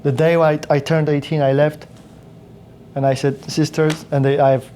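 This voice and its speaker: A man tells his story in a loose, rambling way, circling back and restarting his sentences. His tone is mellow and dark. A faint hum of room ambience sits underneath. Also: on the high side, little pitch movement, normal speed. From Poland. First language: Polish. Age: 30s. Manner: rambling with frequent restarts and fillers. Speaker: podcast guest. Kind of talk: casual interview storytelling.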